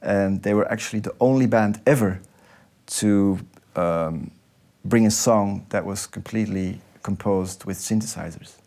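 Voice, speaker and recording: Low-voiced man, reflective. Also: a little slow, darkish tone. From Belgium. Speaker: DJ and producer, interview guest. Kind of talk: reflective interview talk. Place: nightclub.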